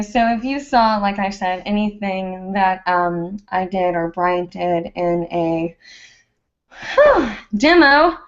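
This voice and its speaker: A woman's voice: mid-range voice, dull audio. A woman hosting a live hooping show, chatting casually and a bit out of breath, rambling with lots of fillers. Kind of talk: casual live-stream chat.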